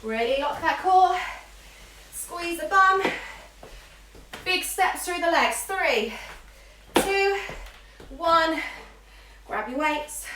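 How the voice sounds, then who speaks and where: Leading a live workout class, this aerobics instructor uses her high, somewhat bright voice to shout short, upbeat cues for moves and counts. She sounds distant from the microphone in an echoing room with a little background noise.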